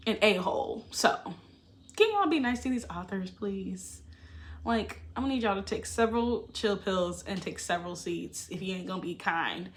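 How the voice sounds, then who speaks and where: A woman's voice: mid-range voice, a little hiss or hum. A young adult woman talking casually to camera about books, chatty and emphatic, with fillers and laughs. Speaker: book vlogger.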